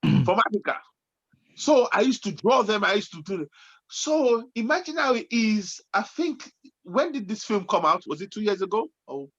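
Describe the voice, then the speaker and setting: A man in his late forties, co-hosting a casual chat in an animated way, turning from loud excitement to low musing. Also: moderate pace, breathy edge. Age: 40s. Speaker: podcast co-host. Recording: dull lo-fi sound.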